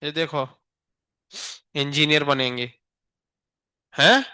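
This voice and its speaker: A male teacher with an Indian accent quizzes his class in a high, sharp voice, teasing students who stand up to answer. The sound is close and dry, with no room echo. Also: clean tone. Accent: Indian English. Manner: questions students rapid-fire, teasing. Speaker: physics teacher. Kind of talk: classroom lecture with questioning.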